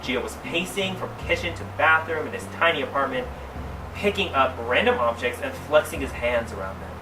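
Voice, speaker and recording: A man recorded away from the mic with clear background noise. He has a sassy drag queen manner, reading a story aloud for comedy. He stretches words for theatrical emphasis and breaks into casual, mock-scandalized asides. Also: medium pitch, lively intonation, a little fast. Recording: roomy, distant mic, clearly noisy background.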